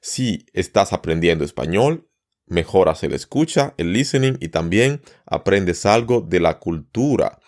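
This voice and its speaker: A man hosting a podcast lesson, teaching learners at an easy pace and often repeating words or listing them slowly one by one. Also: deep voice, very animated, darkish tone. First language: Spanish. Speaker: Spanish teacher and podcast host.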